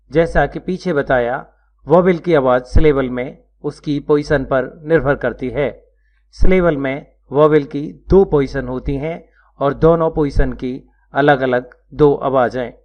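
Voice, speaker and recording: A man giving a scripted lecture, spelling out words letter by letter in a measured teaching manner. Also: a little high. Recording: dull lo-fi recording.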